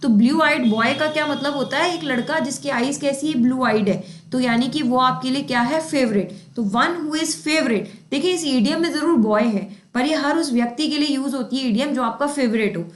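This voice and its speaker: A woman's voice: high voice, a little fast. A woman teaching English idioms for exam preparation. She explains with memory tricks, asks questions and answers them herself, and keeps adding tag questions. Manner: often adds tag questions like "है ना". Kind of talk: exam-prep idiom lesson. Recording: echoey room.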